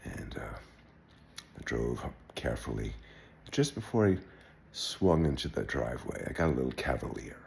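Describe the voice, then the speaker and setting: An older man telling a wry personal anecdote in a relaxed, halting way, with wry understatement. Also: rumbling low, gravelly. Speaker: storyteller. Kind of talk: personal anecdote told aloud.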